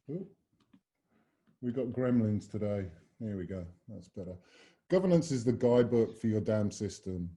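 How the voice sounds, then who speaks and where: A man presents a business webinar, his voice low and deeply mellow. He talks emphatically and paints ideas with vivid metaphors. He is heard over a video call microphone. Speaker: webinar host and consultant.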